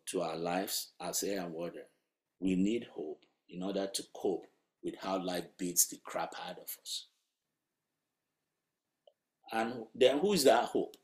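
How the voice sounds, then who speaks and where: A man preaching a sermon in a conversational, emphatic way, asking rhetorical questions. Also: lowish voice. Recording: roomy echo.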